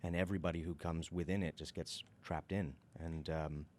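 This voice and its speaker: A man raised in England, a theater director, talking in a halting, reflective way with many restarts in a casual interview. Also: rumbling low, fairly even intonation, a little mellow, a little hiss or hum.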